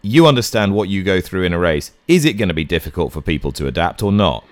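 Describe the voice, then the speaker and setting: A man presenting a racing report, asking questions and delivering scripted links clearly. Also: sits low, lively intonation, fast, slight background noise. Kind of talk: broadcast presenting.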